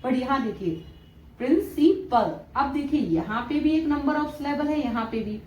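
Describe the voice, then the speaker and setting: In an echoey room with faint noise behind her, a young Indian-accented woman teaches an English lesson classroom-style, working through it step by step and checking in with frequent questions. She has a high-pitched, slightly mellow voice at normal speed, and the sound is lo-fi.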